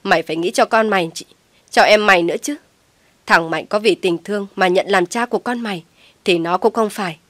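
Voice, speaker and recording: A woman voicing an enraged middle-aged mother who shouts and scolds harshly, in a dry, close recording. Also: fairly low pitch, fairly quick, dry recording, close to an everyday voice. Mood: stern scolding.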